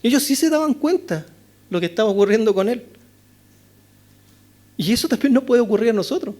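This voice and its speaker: Chilean male pastor, expository sermon, high voice, rhetorical questions, dynamics from loud to hushed. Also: expressive, fairly quick. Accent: Chilean Spanish. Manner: rhetorical questions, frequent "¿no es cierto?", swings between loud and hushed. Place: church chapel.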